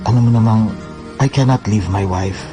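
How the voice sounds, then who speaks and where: A man's voice: lowish voice, moderate pace, lightly acted. A man playing a jealous, controlling married lover in a radio drama, with music behind him. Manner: controlling, turns sweet and pleading.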